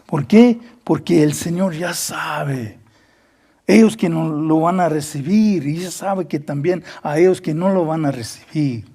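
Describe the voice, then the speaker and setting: A man's voice: on the high side, measured pace, dark tone, slightly rough. A man preaching a Bible study sermon as pastor, earnest, repeating words and acting out quoted dialogue, slipping between Spanish and English.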